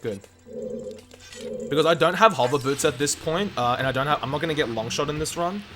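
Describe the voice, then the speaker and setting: A fairly high, slightly bright voice belongs to a young Australian speedrun streamer who talks briskly through casual livestream commentary. He calls viewers "mate" and "dude," and there's a little background noise.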